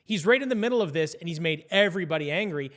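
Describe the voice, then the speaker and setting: A man's voice: on the high side, lively intonation, fast, fairly bright tone. A man chatting casually about politics as a news show host, blunt and opinionated, swearing freely.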